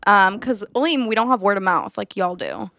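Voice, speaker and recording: A woman's voice: mid-range voice, big pitch swings, fairly quick, sharp tone. A woman co-hosting a casual podcast, laughing often and agreeing easily. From United States. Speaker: podcast co-host.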